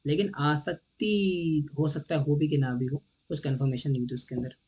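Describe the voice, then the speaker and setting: A man with a fairly high voice delivers a devotional lecture. He talks conversationally, often clears his throat, and keeps checking whether his listeners are following. The recording is somewhat dull and lo-fi. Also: steady tone, normal speed, darkish tone. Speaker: devotional teacher.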